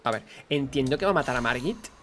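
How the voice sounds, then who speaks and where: A man's voice: medium pitch, lively intonation, quick pace, a bit bright, a little hiss or hum. A man with a Spanish accent from Spain, hosting a reaction video and chatting as he explains gameplay. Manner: chatty, explains and laughs along. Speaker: reaction host.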